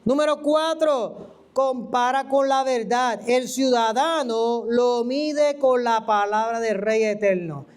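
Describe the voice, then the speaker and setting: A preacher gives an animated, conversational teaching sermon, asking the listener questions. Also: mid-range voice, slow pace. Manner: animated, asks the listener questions and acts out quoted voices. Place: church.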